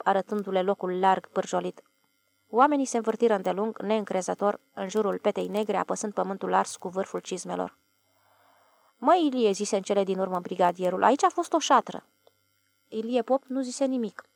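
A woman narrating an audiobook in a steady, measured storytelling voice. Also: medium pitch, vocal fry, dry recording.

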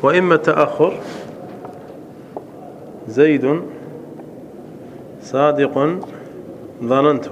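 A man, a sheikh, giving a classroom lesson on Arabic grammar, slowing down to spell out example sentences and often checking if it is clear. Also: on the high side, muffled recording, a little hiss or hum.

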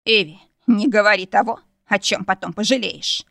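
A woman's voice: medium pitch, moderate pace, vocal fry, fairly bright tone, no room sound, studio quality. A woman reading the lines of a domineering male demon lord in an audiobook, curt and commanding. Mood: cold.

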